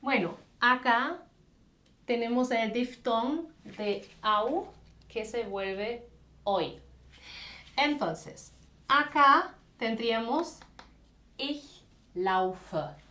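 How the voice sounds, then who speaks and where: A woman, teaching a casual language lesson with slow, careful, drawn-out examples. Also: a little high, bright, forceful tone, echoey room.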